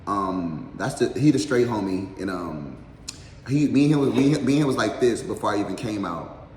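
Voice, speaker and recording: A man's voice: lowish voice, animated, moderate pace, darkish tone. A man hosting a casual eating show, talking candidly in heavy slang and swearing freely. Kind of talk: casual chat and mukbang. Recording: echoey room with long reverb, faint noise.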